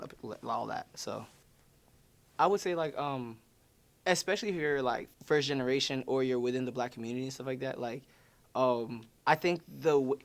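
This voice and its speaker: A man, answering interview questions in a loose, rambling way, full of "like" and "you know". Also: medium pitch. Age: 20s. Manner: loose and rambling, heavy use of "like". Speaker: featured artist. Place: studio or room.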